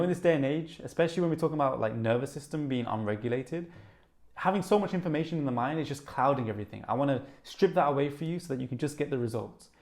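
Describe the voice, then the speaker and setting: A young man with a quick Brummie accent talks straight to camera as a wellness vlogger. He rushes along with excitement and scatters "like" through his sentences. His voice sits at an ordinary middle pitch. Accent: Birmingham (Brummie). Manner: fast, excited, animated, with many "like" fillers. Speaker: wellness YouTuber. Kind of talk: casual vlog talk to camera.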